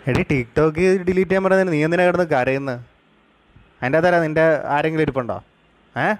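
A man's voice: on the high side, fairly even intonation, a little fast. A young man doing a comedic one-sided phone call as a jealous, nagging boyfriend. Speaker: comedy sketch performer.

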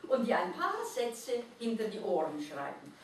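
A woman's voice: a little high, wildly swooping pitch, normal speed, slight background noise. A woman voicing a self-assured, cool Christ child in a storybook reading, speaking breezily and confidently. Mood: breezy. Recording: echoey room from far off.

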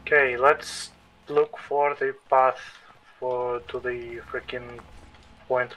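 A man's voice: mid-range voice, level tone, slow pace, a bit bright, slight background noise, poor audio. A man talking casually and giving calls to teammates in a co-op shooter. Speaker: gamer in co-op military shooter. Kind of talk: casual gaming chat.

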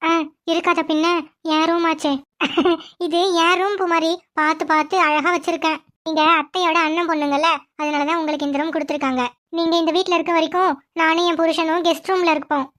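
A woman's voice: very high-pitched, steady tone, fairly quick, a bit bright. A woman voicing a put-upon young wife in a cartoon, whiny and grumbling about her mother-in-law. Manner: whiny, grumbling under breath. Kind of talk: cartoon voice acting.

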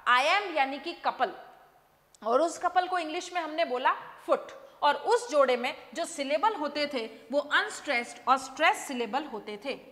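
A woman teacher giving an exam-prep lesson, explaining slowly and repeating herself as she checks each point and mixes in English terms. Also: high voice, lively intonation, fairly bright tone, big-room sound.

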